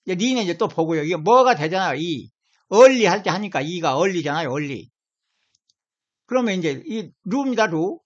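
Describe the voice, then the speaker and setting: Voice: mid-range voice, animated, normal speed. A channel host explaining word by word while pointing at a screen and repeating key words again and again. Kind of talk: casual explanatory talk over an on-screen dictionary. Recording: slightly dull lo-fi sound.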